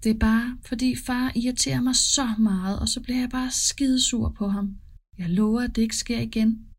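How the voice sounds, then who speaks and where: A woman's voice: on the high side, steady tone. A woman voicing a volatile mother who harshly scolds her young son. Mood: apologetic.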